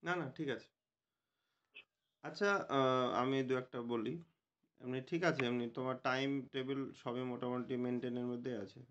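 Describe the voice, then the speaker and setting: A man acting as examiner who gives hesitant feedback on a demo class, filling pauses with "um" and "ah". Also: medium pitch, steady tone, highs cut off. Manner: hesitant, with many fillers. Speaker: interview examiner. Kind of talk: giving feedback.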